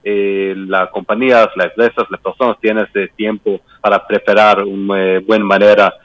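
A man who is not a native Spanish speaker, with a foreign accent, answering interview questions haltingly and searching for words. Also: on the low side, little pitch movement, no echo, low-quality recording. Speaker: embassy political adviser being interviewed.

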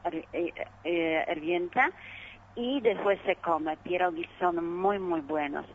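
A woman from Poland with a Polish accent, a non-native speaker in a radio interview, haltingly searching for words. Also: on the low side. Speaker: ambassador being interviewed. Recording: dull, noisy phone call.

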